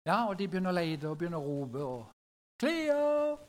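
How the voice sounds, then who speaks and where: A middle-aged man telling a story to a gathered audience in a conversational way, often turning to his listeners with little questions. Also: a little high.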